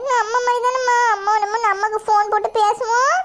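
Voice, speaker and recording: Someone doing a high, bright cartoon aunt. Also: steady tone, fast, a little hiss or hum. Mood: comforting. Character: kind young aunt caring for children. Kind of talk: cartoon voice acting.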